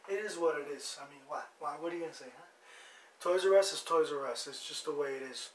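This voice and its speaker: A man's voice: fairly high pitch, quick pace. A man hosting a blunt, rambling news monologue, mocking as he goes. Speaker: host. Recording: echoey room, distant mic, faint noise.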